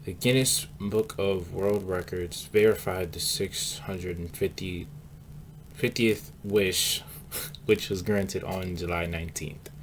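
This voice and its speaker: A man presenting a short sports segment, reading scripted announcements in a steady read-aloud manner. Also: deep voice, measured pace, a little hiss or hum.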